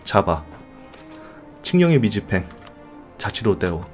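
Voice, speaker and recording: A man commentating his own strategy game, pleading and shouting at his allies and muttering curses under his breath. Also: on the low side, big pitch swings, measured pace, faint music behind. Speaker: game streamer. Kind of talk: gaming commentary.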